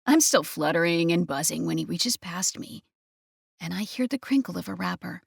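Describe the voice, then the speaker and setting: A woman narrating a first-person romance audiobook in a breathy, intimate manner. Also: lowish voice, lively intonation, moderate pace, no echo, studio quality.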